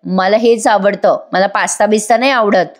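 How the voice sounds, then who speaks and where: A woman's voice: medium pitch, normal speed, close to an everyday voice. A woman voicing a cheerful, plain-spoken young woman. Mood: content.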